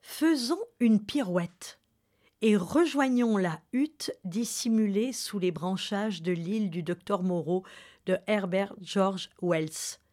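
A woman hosting and reading a novel aloud, calm and deliberate. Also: mid-range voice. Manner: slow, calm storytelling. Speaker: reader and host of the reading. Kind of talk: scripted narration of a novel.

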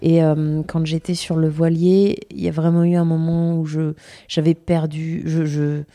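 A singer from Brittany with a low, mellow voice answers interview questions casually. Her delivery is flat and a little slow, and she hesitates often, using many fillers and restarting her sentences.

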